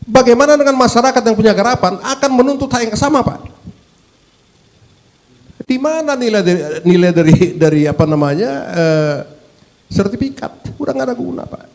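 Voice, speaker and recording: A man's voice: extremely high pitch, expressive, a little fast, darkish tone. Emphatic man. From Medan, North Sumatra. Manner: emphatic, rhetorical questions, keeps addressing 'sir'. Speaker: parliament member at a hearing. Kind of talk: formal hearing address.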